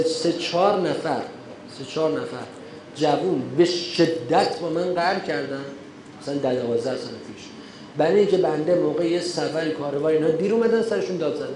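A man's voice: a little high, darkish tone, roomy sound, slight background noise, rough recording. A man, a cleric, lecturing and answering questions, getting emphatic and preacher-like when he drives a point home. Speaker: cleric lecturing on running religious gatherings.

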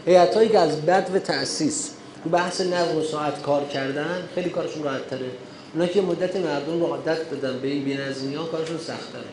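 A man's voice: fairly high pitch, fairly even intonation, reverberant, background noise. A man, a cleric, lecturing and answering questions, getting emphatic and preacher-like when he drives a point home. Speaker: cleric lecturing on running religious gatherings.

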